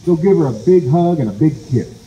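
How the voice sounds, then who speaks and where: A man voicing a sly male rabbit trickster in a told folk tale, breezy and smooth-talking. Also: fairly high pitch, expressive, brisk, mellow, reverberant, muffled recording, slight background noise, voice pushed up, close to an everyday voice. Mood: scheming.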